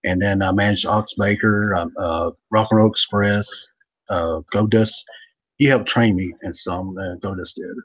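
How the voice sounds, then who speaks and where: A man's voice: fairly low pitch, fairly even intonation, a little slow, highs cut off. A man who used to wrestle professionally, telling rambling joking stories in a casual chat over a video call. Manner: rambling storyteller, laughs a lot. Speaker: former pro wrestler and manager, guest.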